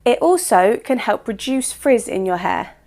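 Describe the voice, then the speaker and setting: A woman with a croaky voice, chatting to camera in an instructive hair-care vlog. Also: fairly high pitch, expressive, measured pace, darkish tone. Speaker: hair vlogger. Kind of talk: explanatory beauty vlog talk.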